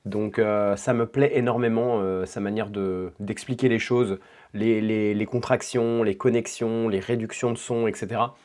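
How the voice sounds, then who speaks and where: A man's voice: fairly low pitch, steady tone, moderate pace, darkish tone. A man from France in his thirties, chatting informally to camera in a casual vlog, full of fillers and slang. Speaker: vlogger.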